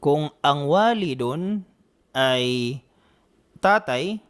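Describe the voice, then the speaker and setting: A man's voice: a little high, lively intonation, smooth. Patient man teaching Arabic grammar. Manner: patient, repeats points, frequent "naam" and "okay" checks; slows down to spell out Arabic phrases. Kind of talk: online language lesson.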